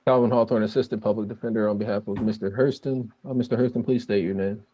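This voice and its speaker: A man's voice: lowish voice, steady tone, fast, warm tone, slight background noise, poor audio. Male public defender in court recording. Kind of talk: courtroom address to a judge.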